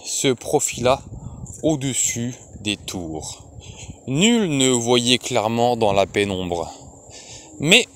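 A man reading a fantasy novel aloud as an audiobook, in a slow, expressive way. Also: medium pitch, slight background noise. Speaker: audiobook reader.

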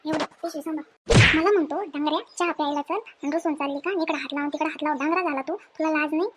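A woman's voice: sits high, fairly even intonation, slight background noise, close to an everyday voice. A woman playing a fierce village woman. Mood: scolding. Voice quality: scolding, teasing, rapid rural speech. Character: feisty village woman, sharp-tongued, fearless.

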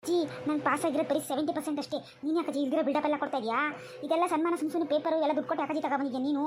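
A woman's voice: high voice, fairly even intonation, very fast, a little hiss or hum, lightly acted. A woman voicing a blunt teenage granddaughter in a cartoon comedy, protesting and complaining. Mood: exasperated.

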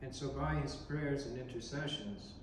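An Orthodox priest in his thirties gives a slow, reflective sermon in a medium-pitched voice, pausing and restarting as he goes. A distant camera among the congregation captured it, so the large church sounds echoey and far off, with background noise.

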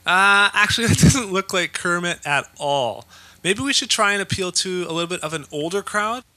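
Man, high and bright voice, casual brainstorming. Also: expressive, moderate pace, faint music behind. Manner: casual, pitching ideas. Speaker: video collaborator.

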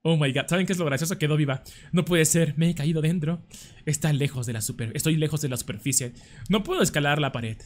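A young man commenting casually and jokingly as he plays a horror game, breaking into panicked screams at scares. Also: a little high. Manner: chatty, jokey, screams in panic. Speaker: gameplay commentator.

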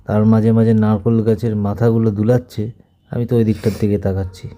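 A man's voice: lowish voice, flat delivery, quick pace, warm tone. A man with a slight sore throat, narrating a family vlog in a rambling, repetitive, self-mocking voice-over. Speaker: vlogger narrating his wife's day. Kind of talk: casual voice-over commentary.

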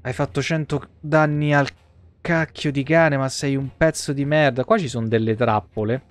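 At normal speed and with fairly even intonation, a man in his thirties uses his mid-range voice for live game commentary. The setting is a small home streaming room with game music, and his casual talk is slangy, crude and full of swearing.

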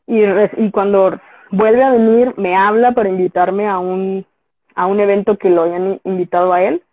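A woman's voice: mid-range voice, moderate pace, dry recording. A woman with a Mexican Spanish accent, a graphic designer being interviewed, telling a story casually and acting out the dialogue she quotes. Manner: animated storyteller who acts out quoted dialogue. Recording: tinny phone-like, dry sound.

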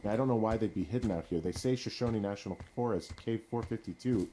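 An actor playing a wry, cautious fire lookout with a dry, sardonic manner in a naturalistic video game. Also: male voice, on the low side, fast talker, mellow, a little hiss or hum, natural voice. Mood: uneasy.

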